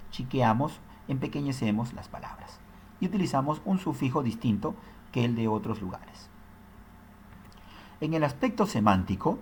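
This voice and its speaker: A male teacher gives an explanatory lesson, his pitch rising and falling freely as he checks in with the listener. A faint hum of background noise sits under the recording. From Peru. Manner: explanatory, frequent tag questions.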